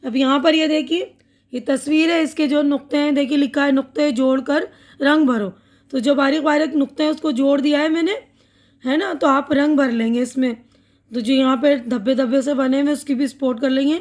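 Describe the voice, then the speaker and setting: High-voiced woman teaching children to read. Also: fairly even intonation, a little mellow. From India. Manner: reads words slowly, then fast, for repetition. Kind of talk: children's reading lesson.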